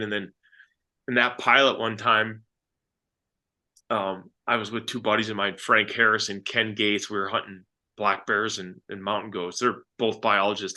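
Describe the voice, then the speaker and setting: A man, a hunter and filmmaker, telling a story as a podcast guest in an earnest, animated way with many fillers. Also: lowish voice. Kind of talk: reflective storytelling.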